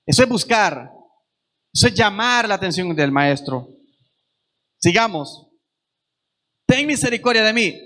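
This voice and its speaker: Man, preacher, earnest sermon, high voice, bright edge. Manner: earnest, repeats phrases for emphasis. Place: church service.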